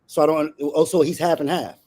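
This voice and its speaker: A man's voice: on the high side, fairly even intonation, fairly quick, mellow, husky. A man co-hosting a casual talk show, explaining himself in defensive, rambling bursts with many restarts. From Honduran family, raised in America. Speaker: co-host. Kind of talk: casual debate chat.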